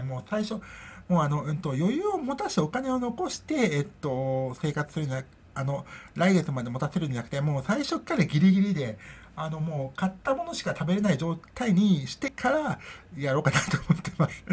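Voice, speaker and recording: A woman's voice: low voice, slightly rough. A middle-aged woman hosting a casual solo podcast chat, rambling and chatty and laughing often, into her own microphone. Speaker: podcast host.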